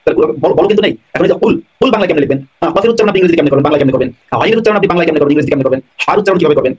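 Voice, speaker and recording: A man's voice: a little high, expressive, darkish tone, slightly rough. A man answering viewers' questions on a live online talk show, explaining at length and repeating his points. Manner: explanatory, talks fast, repeats phrases. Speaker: guest scholar answering questions.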